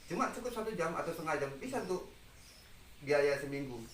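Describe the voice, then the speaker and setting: A man's voice: on the high side, expressive, a little fast, crowd noise. A man in his forties telling an interviewer about his own experiences in an earnest storytelling manner. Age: 40s. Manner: earnest storytelling, acts out quoted dialogue. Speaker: interview guest. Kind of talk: recounting personal experiences. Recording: echoey, far from mic, noisy.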